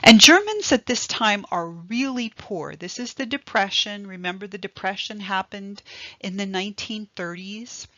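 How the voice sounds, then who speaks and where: A woman giving a recorded history lecture, explaining slowly and with emphasis, spelling out terms and stressing key words. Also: medium pitch, expressive, pushed and bright, dry recording. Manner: slow, deliberate, emphatic explaining. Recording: dry, slightly dull lo-fi recording.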